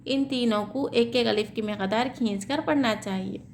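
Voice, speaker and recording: A woman teaching tajweed, spelling out letters slowly and explaining the reading rules, checking in with "theek hai" as she goes. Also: on the high side, a little hiss or hum. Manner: slow, drawn-out syllable-by-syllable spelling.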